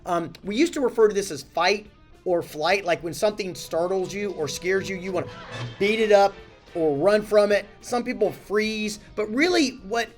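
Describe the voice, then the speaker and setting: A man, a company chief, giving a casual, animated talking-head lesson on handling crises, blunt and self-correcting. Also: sits high. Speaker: company CEO teaching communication.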